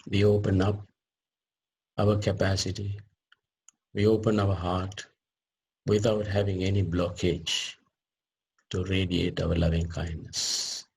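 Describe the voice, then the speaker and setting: Guiding a group through meditation, this teacher's voice is low, husky and a little mellow, though the recording quality is low. He speaks with great slowness and deliberation, offering brief phrases broken up by pauses.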